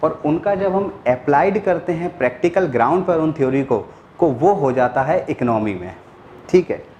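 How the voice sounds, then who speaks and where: A man's voice: on the high side, lively intonation, moderate pace, darkish tone, a little hiss or hum. Man teaching in an echoey room. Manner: explains step by step, repeats key words, asks and answers own questions. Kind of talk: classroom lecture.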